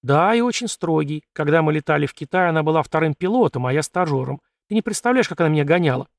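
Brisk young woman in an audiobook, voiced by a male narrator; coaxing, in a dry, close sound. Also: fairly high pitch, animated, gravelly, no echo. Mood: lively. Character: lively bold young woman, court lady-in-waiting.

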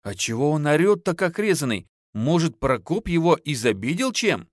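A man's voice: fairly high pitch, big pitch swings, moderate pace, no echo, clean studio sound. A man voicing a frightened young peasant woman with lamenting, pleading folk speech. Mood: anxious.

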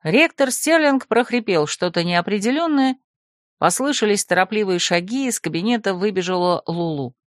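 A woman narrates a fantasy novel in a steady, measured voice at a middle pitch. The sound is dry and close, with no room echo. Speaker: audiobook narrator. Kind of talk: scripted narration.

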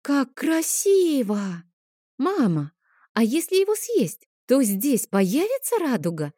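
A woman voicing an excitable, dreamy little girl who squeals and protests, in an audiobook. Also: on the high side, a little slow, dry recording, clean studio sound, voice pushed up. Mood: amazed. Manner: squealing, wondering, indignant. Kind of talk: audiobook character voice.

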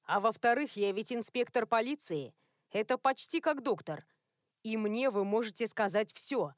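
A flustered, gallant male police inspector speaks hesitantly and earnestly, read by a woman. The voice sits a little high, and the sound is dry and close to the mic. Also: expressive, moderate pace, dry recording, close to an everyday voice. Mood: reassuring.

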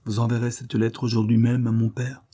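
A man's voice: mid-range voice, monotone, a little fast, mellow, voice pushed up, natural voice. A man voicing an earnest, passionate young viscount who defies his mother in a storybook reading. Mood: defiant. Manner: spirited, defiant, heartfelt.

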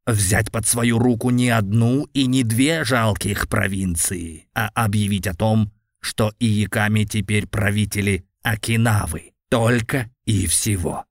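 A man's voice: lowish voice, unhurried, hardly any pauses, dry recording, clean studio sound. A man voicing a huge, contemptuous cat-like demon lord in an audiobook, with a lazy, scornful, slightly growling delivery. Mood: contemptuous, gloating. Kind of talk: audiobook character voice.

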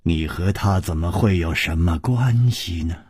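A tense, brooding woman who keeps her jealousy under a low, breathy hush, her words dropping to a near whisper. A man shifts his voice down to play her, slow and husky, in a dry close sound. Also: no echo, heavily acted.

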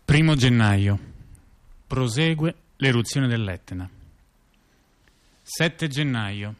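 A man's voice: medium pitch, expressive, slow. A man reading a scripted news chronicle in a clipped, declarative manner for radio theatre.

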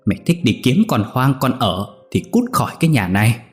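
A man voicing a sharp-tongued old village mother-in-law who scolds and curses bossily in a storytelling. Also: fairly low pitch, expressive, normal speed, soft background music, lightly acted. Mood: furious. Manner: scolding, cursing, bossy.

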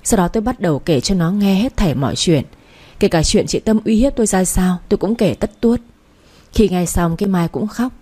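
A woman reading a first-person story aloud, steady and emotional. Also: mid-range voice, a little fast, slightly rough. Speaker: narrator.

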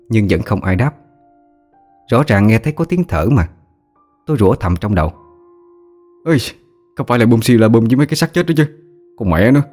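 Brief: male narrator for a first-person audio story, low voice, vivid descriptive telling, faint music behind. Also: darkish tone.

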